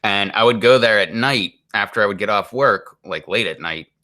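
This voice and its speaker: Talking to his stream audience, this man in his 40s rambles in an exasperated, casual way, packing his speech with "like." He speaks at a moderate pace in a fairly low voice with a bright, forceful tone.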